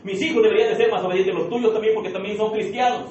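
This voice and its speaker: This fast-talking pastor has a high, slightly mellow voice with fairly even intonation, and there's a little background noise. He preaches fervently in a church sanctuary, asking rhetorical question after rhetorical question and calling his listeners beloved brothers. The lo-fi, dull recording comes from a distance in an echoey room.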